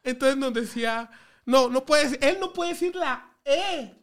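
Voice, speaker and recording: A young man with a Mexican Spanish accent co-hosting a podcast, joking loudly and laughing often. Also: extremely high pitch, a little slow. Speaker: podcast co-host. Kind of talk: casual comedic chat.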